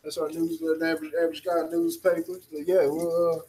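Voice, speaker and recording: A man with a gravelly, smoker's voice co-hosting a podcast, signing off in laid-back, slangy casual chat. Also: on the high side, monotone, brisk, mellow, low-quality recording. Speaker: podcast co-host.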